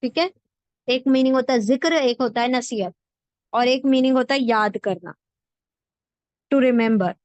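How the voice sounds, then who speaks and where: A woman teaches Quran word-by-word translation very slowly and patiently, repeating each word and its meaning so her students can drill them. Her fairly high voice has a darkish tone, and the sound is close, dry and dull, with no room around it. She breaks every meaning down step by step in a patient classroom explanation.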